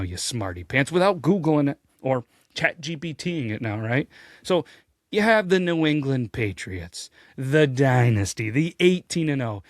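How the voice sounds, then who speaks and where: A man hosting a sports ranking show, telling the story with jokey asides and rising excitement. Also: no room sound, clean studio sound. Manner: animated, jokey, pitch swings when excited. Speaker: host. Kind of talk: energetic sports commentary.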